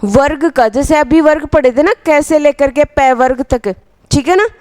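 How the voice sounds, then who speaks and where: A woman teaching a grammar lesson, asking the class questions and answering them herself, repeating phrases slowly for dictation. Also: high-pitched, a little mellow, dry recording.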